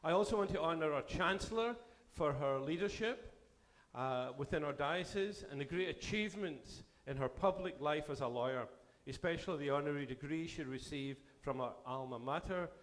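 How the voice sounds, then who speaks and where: A Canadian man serving as a bishop gives a formal address to a church assembly while his voice is giving out. His pitch sits fairly high, and he speaks at a measured pace, letting his sentences trail off.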